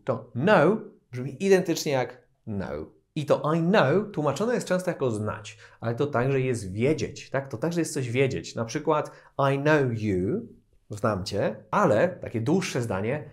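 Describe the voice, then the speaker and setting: A man teaching English pronunciation in a casual spoken lesson, explaining patiently and repeating example phrases slowly. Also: medium pitch.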